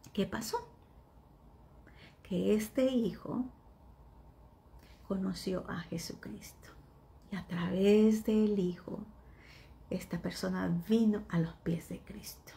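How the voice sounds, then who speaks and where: Slow, gravelly-voiced woman preaching softly. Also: medium pitch. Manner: soft and earnest, often dropping to a whisper. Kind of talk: devotional sermon.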